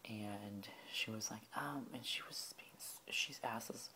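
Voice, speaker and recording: A tipsy man telling a rambling story in a soft-spoken ASMR style, often slipping into whispers. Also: on the low side, measured pace, slight background noise. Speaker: ASMR creator.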